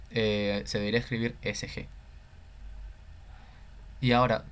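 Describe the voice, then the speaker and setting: A man with a Peruvian Spanish accent giving a recorded lecture on scientific writing, talking hesitantly with frequent fillers and self-corrections. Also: medium pitch.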